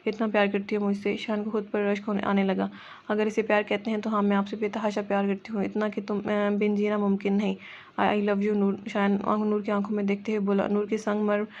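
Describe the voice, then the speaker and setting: A woman reading a romance novel aloud in a steady, even voice, with some stumbles over words. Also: mid-range voice, dull audio. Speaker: novel narrator.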